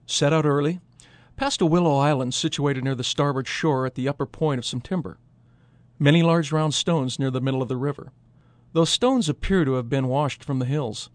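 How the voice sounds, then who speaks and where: Actor as explorer captain reading terse field notes. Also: male voice, mid-range voice, moderate pace, dry recording, close to an everyday voice. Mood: matter-of-fact. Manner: clipped observational field-note phrasing. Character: early 1800s male expedition captain reading out his journal.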